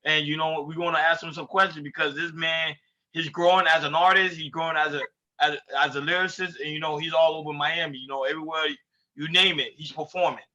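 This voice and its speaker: A man's voice: fairly high pitch, steady tone, a little fast, bright, forceful tone, lo-fi sound. A man co-hosting a casual interview, bringing upbeat, hype-style introductions. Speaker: co-host.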